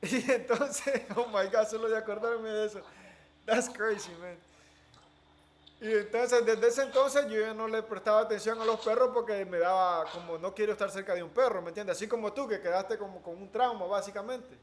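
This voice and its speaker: A man talking in a casual conversation as an interviewee, telling animated stories and slipping English words into his speech. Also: sits high, moderate pace, slight background noise.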